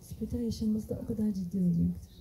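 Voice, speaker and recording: Fast-talking woman interpreter. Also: medium pitch, fairly even intonation, vocal fry, dark tone, a little hiss or hum, rough recording. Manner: quick, with hesitant fillers. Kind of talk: consecutive interpretation of a sermon.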